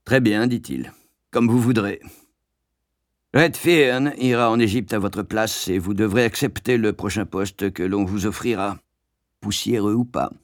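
Brief: stern, slow-spoken senior director, kindly underneath, low and dry, as a male narrator reads him. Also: dry recording. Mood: measured, stern. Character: kind senior male company director, grave.

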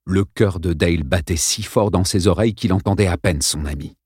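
A man's voice: deep voice, fairly quick, a little mellow, breathy edge, no room sound, studio quality. A man narrating an audiobook in a dramatic, suspenseful reading style.

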